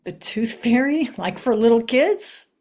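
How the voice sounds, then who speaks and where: A woman playing a vicious, cynical lawyer in an improvised comic scene, talking brashly and deadpan over a video call. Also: a little high, measured pace.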